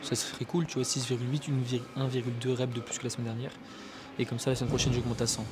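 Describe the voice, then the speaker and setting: A man's voice: mid-range voice, level tone, fast. A man in his twenties, a fitness vlogger chatting casually and a bit scattered to the viewer at the gym. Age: 20s. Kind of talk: casual gym vlog chat.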